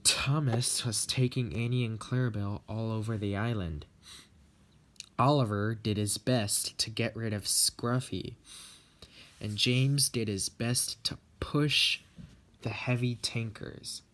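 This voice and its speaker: A man narrating a homemade fan story aloud in a plain, unhurried way. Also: fairly low pitch, fairly even intonation, fairly bright tone.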